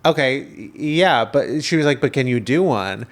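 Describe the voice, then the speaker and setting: A man's voice: medium pitch, moderate pace. A man from New Jersey, co-hosting a podcast and telling stories in casual comedic chat, laughing often. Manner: animated storyteller, laughs often. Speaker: podcast co-host.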